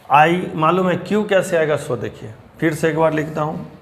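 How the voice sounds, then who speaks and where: A man's voice: a little high, normal speed. Man teaching chemistry at a blackboard. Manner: explains step by step, mixes English terms into Hindi; addresses students as children. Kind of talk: blackboard lecture.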